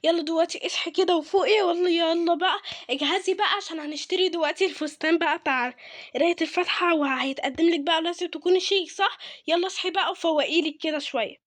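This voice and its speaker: A woman's voice: very high voice, racing. A woman voicing a caring, fussy mother with an Egyptian accent, reassuring her daughter again and again in a game role-play. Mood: urging. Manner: soothing, reassuring, repeats herself.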